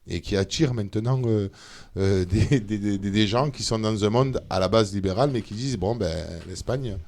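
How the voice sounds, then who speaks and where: A man, a member of parliament, talking as a guest in a casual interview, animated and full of hesitations. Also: on the low side, moderate pace. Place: studio of a streamed show.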